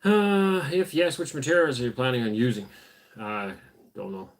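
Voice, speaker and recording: Reading out viewer comments on his homestead livestream, a weary man responds in a laid-back style full of fillers. He has a mid-range voice and a moderate pace.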